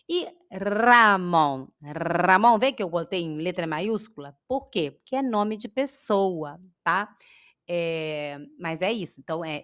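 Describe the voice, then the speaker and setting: Slow-speaking Brazilian woman teacher. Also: on the low side, a bit bright. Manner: slow, drawn-out demonstrations of sounds. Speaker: Spanish teacher. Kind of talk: pronunciation lesson.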